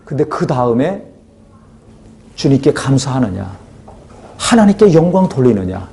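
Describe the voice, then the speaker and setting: Male pastor, sermon delivery, animated swooping intonation, warm mellow timbre, asks the congregation questions. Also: mid-range voice, unhurried, gravelly.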